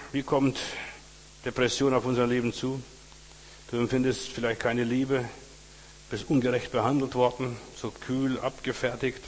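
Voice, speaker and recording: A man's voice: medium pitch, long reverb tail, slight background noise, rough recording. A man preaching a sermon, speaking straight to his listeners with frequent asides and reading scripture aloud with rising drama. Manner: direct address with frequent 'weißt du', dramatic scripture readings.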